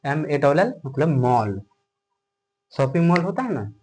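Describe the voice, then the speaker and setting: Male teacher for a beginner lesson who speaks slowly and patiently, with a slightly raised voice. He breaks each word into sounds and keeps checking in with "okay?". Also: fairly high pitch, big pitch swings, a little mellow, poor audio. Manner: explains step by step, asks and answers his own questions, keeps checking in with "okay?". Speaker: English teacher. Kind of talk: classroom lesson.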